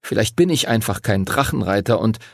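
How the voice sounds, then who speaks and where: A man's voice: fairly low pitch, animated, brisk, gravelly, husky, dry recording, clean studio sound, exaggerated voice. A man voicing a proud, stubborn young schoolboy who answers his friends defensively and snappishly.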